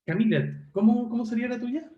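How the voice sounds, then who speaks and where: A man's voice: very high voice, brisk. A male teacher giving an online class, asking his students questions and checking their understanding as he goes. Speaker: university teacher. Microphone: video call. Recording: roomy, dull lo-fi call audio.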